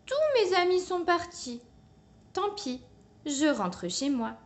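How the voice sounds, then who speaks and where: A kind little cub heroine, as a woman acts her out, full of eager exclamations. Her voice sits high and childlike, with a bouncy, lively pitch. She is a gentle storybook figure. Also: takes it slowly, exaggerated voice. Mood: sad.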